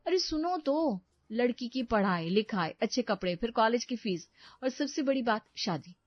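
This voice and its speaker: Woman playing a money-obsessed young wife, brisk and lecturing, raised pitch, dry dull lo-fi sound, storybook cartoon. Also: expressive, no room sound. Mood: insistent.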